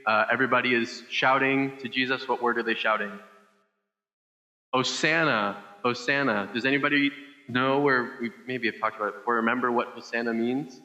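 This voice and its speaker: A male pastor gives a relaxed, conversational sermon, his voice bright and forward. He talks loosely, with plenty of fillers and restarts. The microphone sound is a little dull and rings with long reverb from a large hall. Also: medium pitch, fast talker. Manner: chatty, with many fillers and restarts. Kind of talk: casual sermon. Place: church service.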